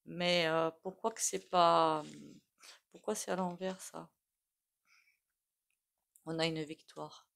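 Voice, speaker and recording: Woman reading tarot cards out loud, lowish gravelly voice, talks to herself as she goes. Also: little pitch movement, takes it slowly, long pauses. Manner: thinking aloud, reacting to cards with exclamations. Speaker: tarot reader. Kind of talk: casual tarot card reading.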